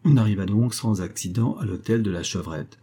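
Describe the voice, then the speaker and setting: A male audiobook narrator reads in a steady, measured way. His low voice is dark and mellow, with a husky grain that carries through the long descriptive passages. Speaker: audiobook reader.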